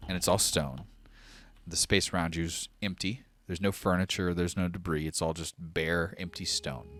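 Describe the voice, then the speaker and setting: Very deep-voiced man as game master. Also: fairly bright tone. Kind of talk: narrating a tabletop game, casual.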